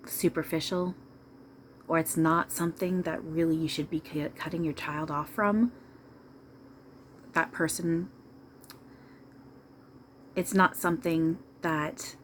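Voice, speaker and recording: A woman's voice: sits low, a little hiss or hum. A woman speaking as a trance medium channeling a spirit, giving informal, emphatic, repetitive counsel straight to listeners. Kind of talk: seance medium channeling, informal advice monologue.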